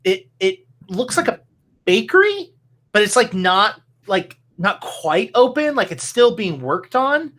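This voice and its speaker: A man improvising tabletop game narration as game master, halting as he searches for words. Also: high-pitched, big pitch swings, fairly bright tone.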